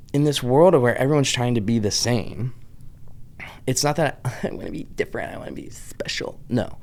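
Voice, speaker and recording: In a mid-range, slightly mellow voice, a thirtysomething vlog host from Pittsburgh chats loosely, drifting from tangent to tangent with plenty of "like". His Pittsburgh accent carries a hint of the American South.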